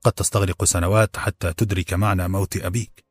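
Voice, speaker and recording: راوٍ رجل بصوت عميق مبحوح. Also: male voice, low-pitched, fairly even intonation, quick pace, slightly rough, dry recording, faint music behind. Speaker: audiobook narrator. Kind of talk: scripted narration.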